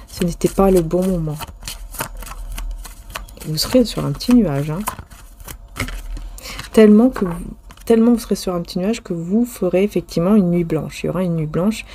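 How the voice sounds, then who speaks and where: Female tarot reader, mellow lower voice, halting and intimate delivery. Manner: hesitant, restarts often, many fillers; addresses viewer directly, intimate. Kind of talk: casual spoken tarot reading.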